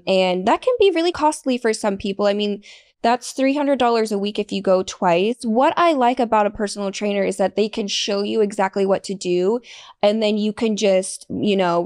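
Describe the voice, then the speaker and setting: Candid, chatty young woman. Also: mid-range voice. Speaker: podcast host. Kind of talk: casual solo podcast talk.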